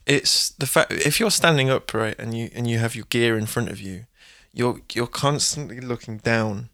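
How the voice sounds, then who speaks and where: A man, a musician guest talking in a relaxed, rambling way with many pauses and fillers. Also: mid-range voice. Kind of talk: casual interview talk.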